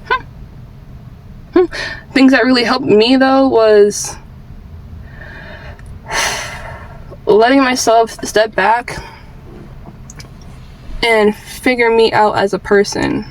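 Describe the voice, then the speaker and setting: A twenty-year-old woman vlogs candid personal advice in an informal, rambling, earnest way, repeating phrases for emphasis. Her voice is a little high with a steady tone, and she speaks slowly, pausing often, on a low-quality recording.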